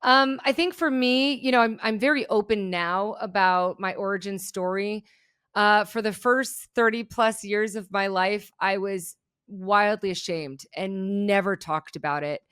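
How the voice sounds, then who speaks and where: This middle-aged woman from Germany, a native German speaker, talks a little slowly in a smooth, fairly bright, medium-pitched voice. She appears as a guest on a podcast interview, a keynote speaker and entrepreneur telling her story openly and energetically.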